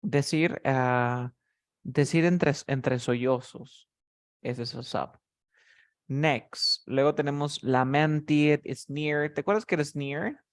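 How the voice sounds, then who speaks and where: A man's voice: medium pitch, takes it slowly. A man teaching English vocabulary in a tutoring session, explaining words patiently step by step.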